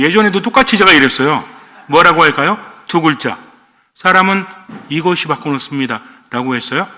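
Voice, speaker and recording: Male priest, fairly high and bright, chatty lecture homily full of questions to the congregation, hall echo. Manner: conversational, quizzes the audience with rhetorical questions.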